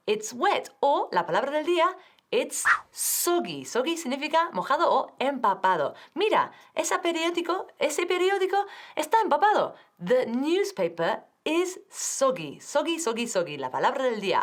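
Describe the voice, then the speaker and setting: A woman with a Spanish accent teaching English on TV, speaking slowly and clearly and drilling words. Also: high-pitched. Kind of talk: TV English lesson.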